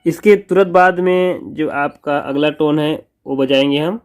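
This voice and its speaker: A man teaching a song on the harmonium, calling out and singing sargam notes slowly between quick spoken explanations. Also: fairly high pitch, faint music behind. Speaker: music teacher.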